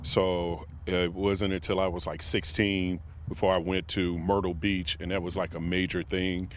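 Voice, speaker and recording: A man from Virginia, a guest on a casual podcast interview, speaks earnestly and reflectively with many pauses and fillers. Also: low voice, little pitch movement, a little hiss or hum. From Martinsville, Virginia, USA. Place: outdoor expo grounds.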